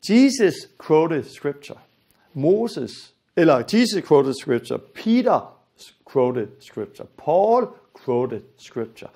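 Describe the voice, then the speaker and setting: A man's voice: on the high side, sing-song, takes it slowly, vocal fry, dark tone, breathy edge. A man from Denmark with a Danish accent and Danish as his first language, giving an earnest, emphatic Bible lesson that repeats its key phrases. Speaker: Bible teacher.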